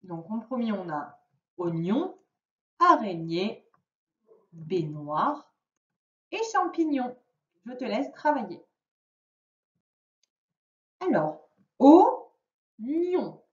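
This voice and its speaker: A woman teaching a young child to read in a remote lesson, giving patient, clearly articulated instructions. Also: medium pitch, big pitch swings, takes it slowly, long pauses, fairly bright tone. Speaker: primary school teacher. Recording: roomy, distant, dull lo-fi sound.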